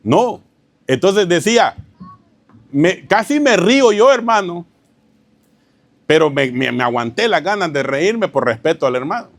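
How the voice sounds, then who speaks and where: A man with a fairly high voice preaches a teaching sermon to his congregation. He keeps checking whether they follow him and calls them brother. He tells stories in an easy, informal way. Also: very animated, a little slow, long pauses, dry recording. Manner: keeps asking the congregation rhetorical questions, addresses them as "hermano". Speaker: pastor.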